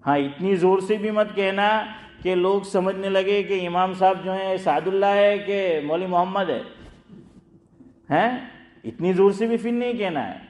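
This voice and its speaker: This Islamic scholar speaks in a high but darkish voice, and the sound is reverberant. His religious talk is conversational, with questions directed at listeners and key points repeated.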